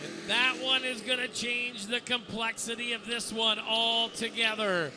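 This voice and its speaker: A man gives live motorsport commentary as a dirt-track style race announcer. His voice sits very high and stays on a level, flat line as he runs through positions in clipped phrases. Loud race car engines roar behind him. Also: a little slow, background noise.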